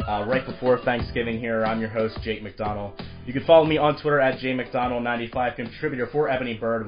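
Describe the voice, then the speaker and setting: A man hosting a sports podcast who is fighting a cold, so his voice is a bit raspy, talking briskly with lots of filler words. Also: lowish voice, lo-fi sound. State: has a cold, slightly raspy. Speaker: podcast host. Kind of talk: sports podcast intro and discussion.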